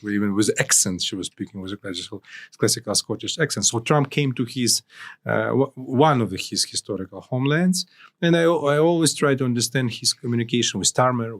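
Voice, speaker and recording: A man from Ukraine, speaking as a guest analyst in an interview, with halting phrasing and frequent restarts. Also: lowish voice. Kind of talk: interview discussion.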